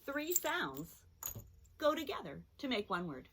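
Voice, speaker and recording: A woman teacher giving a children's phonics lesson, speaking in slow, clear, sing-song instructions. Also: a little high, huge pitch swings, fairly bright tone, a little hiss or hum.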